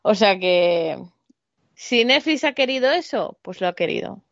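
A woman's voice: medium pitch, animated, unhurried, dry recording, muffled recording. A woman chatting casually as a co-host, joking and hesitant, with lots of fillers and restarts. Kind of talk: casual chat.

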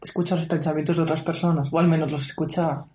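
A woman's voice: low voice, fast talker, background noise. Chatty woman in an echoey room. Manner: lively storyteller, laughs often. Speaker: guest. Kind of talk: casual interview chat.

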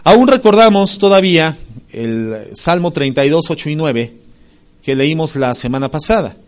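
Emphatic Mexican pastor preaching. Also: male voice, lively intonation. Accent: Mexican Spanish. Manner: emphatic preaching, swings between loud stresses and low asides; spells out Greek word roots slowly. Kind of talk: sermon.

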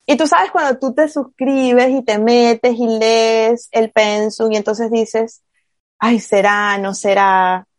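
A woman in casual podcast chat, animated and confiding, with quick asides. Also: fairly high pitch, no echo, clean studio sound.

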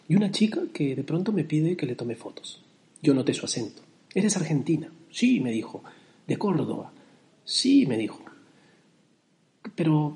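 A man's voice: medium pitch, warm tone. A middle-aged man telling a nostalgic personal travel story, with a recited poem. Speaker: narrator.

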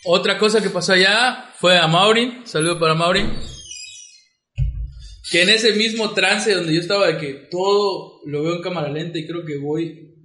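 A young Mexican man with a high, bright, sharp-edged voice tells crude, slang-filled stories on a podcast, a little tipsy. His voice bounces off the walls of an echoey room. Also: moderate pace. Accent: Mexican Spanish. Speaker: podcast co-host. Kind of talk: casual storytelling chat.

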